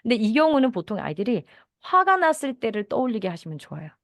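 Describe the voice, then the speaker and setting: A woman giving a lecture to teachers on children's feelings, gently acting out soothing lines a teacher would say to a child. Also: a little high, sing-song, fast talker, no room sound, clean studio sound. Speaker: mindfulness and parenting educator.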